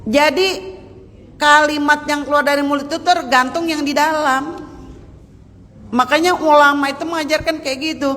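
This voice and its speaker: A man's voice: very high voice, fairly even intonation, moderate pace, long pauses, pushed and bright. A man giving a folksy sermon to a women's study group in a mosque, speaking directly to his listeners. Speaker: preacher. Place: large mosque hall. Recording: long reverb of a mosque hall.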